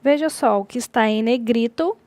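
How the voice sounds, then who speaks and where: A woman teacher giving a recorded distance-learning lecture, explaining slowly and repeating key words. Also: a little high, darkish tone.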